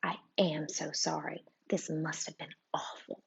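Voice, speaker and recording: A woman voicing a fussy, flustered older woman teacher in an audiobook, in a breathy, fluttery manner. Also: high voice, sing-song, moderate pace, a little mellow, lo-fi sound, voice pushed up. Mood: soft.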